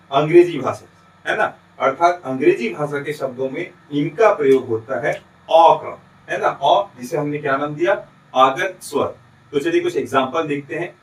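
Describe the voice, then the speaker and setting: In this recorded classroom lesson, a teacher from Chhattisgarh speaks with a Chhattisgarhi Hindi accent in a slightly high voice. He works through the material step by step, poses questions and answers them himself, and keeps tagging on checks that his students are following. The room echoes and the recording is rough.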